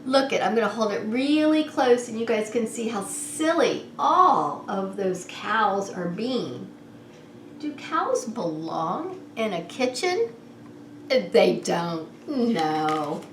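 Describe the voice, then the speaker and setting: Hosting story time, this preschool teacher talks to little kids at a slow, sing-song pace and a medium pitch, asking them easy questions in a playful way. There's a roomy echo along with distinct background noise.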